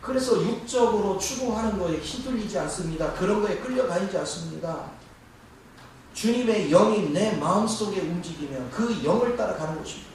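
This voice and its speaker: A man delivers a sermon in a church sanctuary, his voice sitting fairly high for a man. He puts rhetorical questions to the congregation as he preaches. The sound is heavily echoey and picked up from a distance, with faint room noise behind him. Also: expressive, moderate pace. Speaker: pastor. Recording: echoey church hall, mic from afar.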